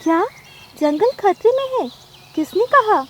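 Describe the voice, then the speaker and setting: A woman voicing a small girl sparrow in a cartoon, tearful and pleading in a very high voice. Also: expressive, measured pace, slight background noise. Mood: insistent. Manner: crying, pleading.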